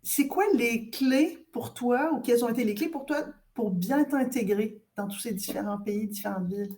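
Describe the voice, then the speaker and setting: Une femme d'âge moyen à l'accent québécois, qui parle de façon chaleureuse et bavarde, avec beaucoup d'hésitations, dans une conversation de balado. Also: female voice, a little high, moderate pace. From Quebec. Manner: warm, chatty, many hesitations. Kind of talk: casual podcast conversation.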